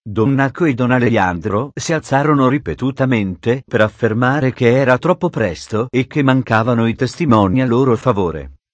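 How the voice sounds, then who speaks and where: A man's voice: mid-range voice, lively intonation, normal speed, no echo, lo-fi sound. Man reading a story in a dry voice. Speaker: narrator.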